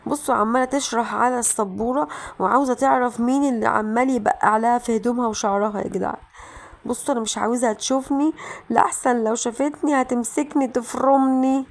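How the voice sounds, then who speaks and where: A woman with an Egyptian Arabic accent narrating a mobile game playthrough, chatting straight to viewers and breaking into shouted reactions. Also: on the high side, steady tone, quick pace. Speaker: gaming channel host.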